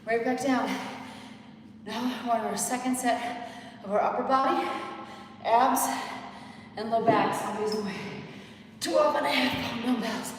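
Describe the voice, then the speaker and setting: A fairly high-voiced woman coaching a home workout, cheering people on and counting down reps. She is heard from a little way off the mic, in a strongly echoing space with a faint hiss behind her. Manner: upbeat, encouraging, counts reps aloud. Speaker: fitness instructor. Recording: echoey, distant mic, faint noise.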